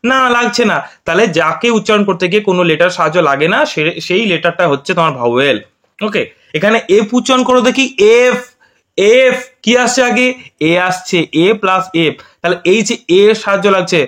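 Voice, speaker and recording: A man's voice: sits high, a bit bright. A man teaching a mock primary class, asking the students questions and having them repeat sounds aloud. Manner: asks the class questions and drills pronunciation. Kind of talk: mock classroom demo lesson.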